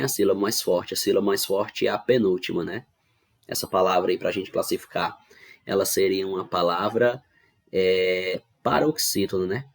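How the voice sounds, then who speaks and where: Low husky-voiced male teacher. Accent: Brazilian Portuguese. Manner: patient, explaining step by step with frequent check-ins. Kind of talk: online classroom lesson. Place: home recording for online class.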